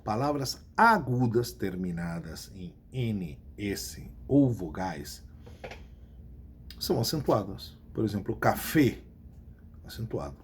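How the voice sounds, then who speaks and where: A man's voice: fairly low pitch, very animated, takes it slowly, a little hiss or hum. A man with a Brazilian Portuguese accent, teaching a recorded lesson to his class. He repeats key points and stops to check that students follow. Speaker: Spanish teacher.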